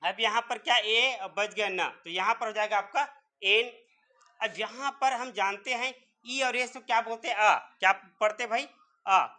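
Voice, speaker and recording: A man's voice: high voice, moderate pace, pushed and bright, faint music behind. A man teaching English spelling and pronunciation, sounding words out letter by letter and answering his own rhetorical questions. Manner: repeats rhetorical questions and answers them himself. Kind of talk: classroom-style spelling and pronunciation lesson.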